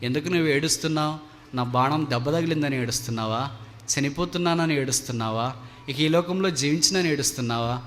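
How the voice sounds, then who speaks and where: A man preaching in a sermon, voicing a male bird hunter who asks quick, pressing questions, with a long hall reverb. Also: on the high side, fairly bright tone, a little hiss or hum, close to an everyday voice. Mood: questioning.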